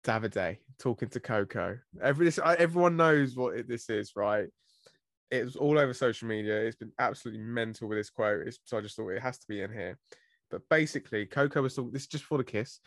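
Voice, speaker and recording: A man's voice: medium pitch, fast talker, dry recording, studio quality. A British man from Britain co-hosting a podcast in casual chat, laughing often as he tells stories. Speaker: podcast co-host.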